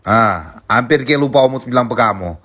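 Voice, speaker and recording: A man's voice: mid-range voice, animated, moderate pace, pushed and bright. A man with a Manado Malay accent from North Sulawesi, chatting casually and playfully to viewers as a food vlog host, talking while chewing. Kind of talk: casual mukbang chat to viewers.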